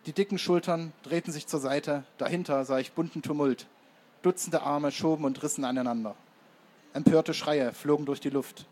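A man narrating an audiobook in first person with measured, even storytelling. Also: on the high side.

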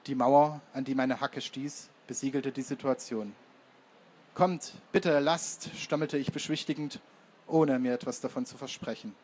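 A man narrating an audiobook in first person with measured, even storytelling. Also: medium pitch, breathy edge.

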